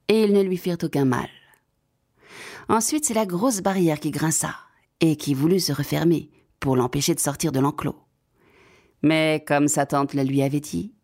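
A woman narrating a children's fairy tale in an expressive, measured way. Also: low voice. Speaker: storyteller.

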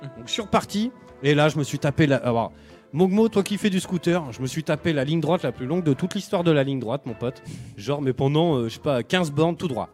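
Animated slangy man telling a trip. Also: on the high side, brisk, soft background music. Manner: animated, slangy, acts out people he met. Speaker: podcast host telling a road trip. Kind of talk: casual storytelling chat.

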